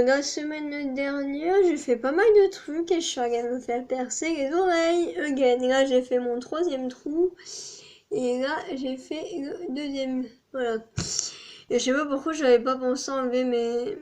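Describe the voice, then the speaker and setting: A young woman chatting casually to camera in a vlog, rambling with lots of fillers and restarts. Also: sits high. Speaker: vlogger.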